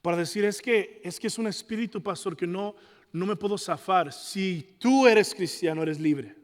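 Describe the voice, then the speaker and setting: A man's voice: sits high, moderate pace, in a large hall. A male pastor, preaching a passionate sermon and mimicking his congregants' excuses. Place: large church hall.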